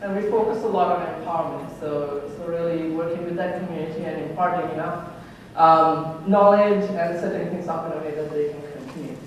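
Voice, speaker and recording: Speaking briskly in a low voice, a robotics researcher from Sri Lanka delivers an earnest conference talk peppered with ums and uhs. The lecture hall recording is distant and echoey, with a little background noise.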